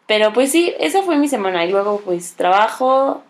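A woman's voice: mid-range voice, big pitch swings, normal speed, a little hiss or hum. A young woman with a Mexican accent chatting playfully with friends and laughing often as she talks about her week. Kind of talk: casual chat among friends.

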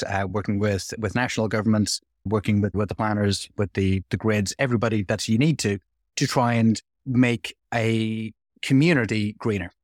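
A man answering interview questions about his energy business, quick and repeating words as he explains. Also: lowish voice, dry recording, clean studio sound. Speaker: podcast guest, renewable energy developer.

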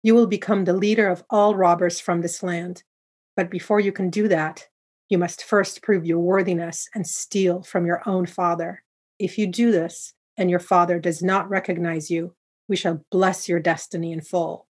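A woman's voice: lowish voice, fairly even intonation, normal speed, a little mellow, breathy edge. A woman voicing three magical sisters who speak in a solemn, prophetic way.

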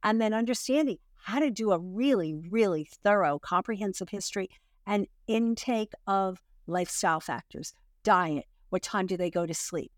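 A woman's voice: mid-range voice, moderate pace, dry recording, studio quality. A woman hosting a health podcast, talking through a list of points and backing up her guest. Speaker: podcast host. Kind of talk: casual podcast interview.

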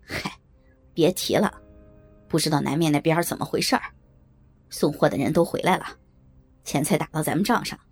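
A woman voicing an easygoing middle-aged man in a storybook reading, dropping her voice low. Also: normal speed, pauses often, slightly rough, soft background music. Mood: casual.

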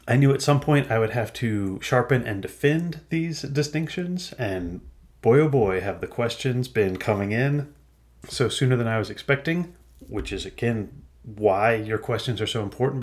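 A male podcast host answering listener questions in a loose, unscripted monologue, chatty and animated, often laughing mid-sentence. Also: on the low side.

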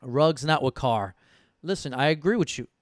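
A man's voice: mid-range voice, animated, normal speed, no room sound, studio quality. A young man thinking aloud while drafting for fantasy football, casual and profane, arguing with himself over picks. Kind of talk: casual live draft commentary.

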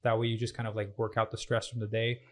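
A man's voice: fairly low pitch, monotone. A man hosting a fitness podcast, chatting casually and asking his guest questions. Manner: fast, rambling, fillers and restarts. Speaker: podcast host, fitness coach. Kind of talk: casual interview chat.

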